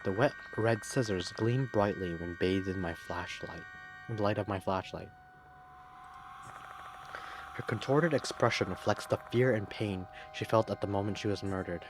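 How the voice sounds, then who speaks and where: A man playing a horror video game, reading the narration aloud in a low-key way with casual comments in between. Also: moderate pace, music in the background. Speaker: let's play gamer.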